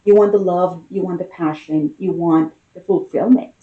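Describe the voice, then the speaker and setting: Mellow low-voiced woman reading tarot. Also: steady tone, normal speed, dull audio. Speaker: tarot card reader. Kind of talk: intimate tarot reading, casual spoken commentary.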